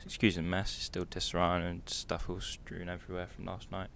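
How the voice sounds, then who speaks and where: Low-voiced young man, casual vlogger. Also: completely flat delivery, brisk, vocal fry, fairly bright tone, a little hiss or hum. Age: young adult. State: hungover. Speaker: motorcycle vlogger. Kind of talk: casual vlog, showing his kit. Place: small bedroom indoors.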